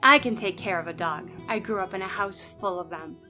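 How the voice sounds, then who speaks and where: A woman's voice: medium pitch, a little fast, sharp tone, faint music behind. A woman playing an earnest, defensive young woman in a comedy sketch, speaking insistently.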